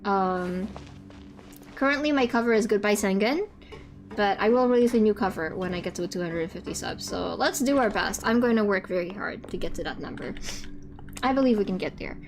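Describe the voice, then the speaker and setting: During a live reaction stream, a young adult non-binary streamer with a higher voice talks casually at a brisk clip. They stammer and restart, laugh a lot and don't hold back on swearing.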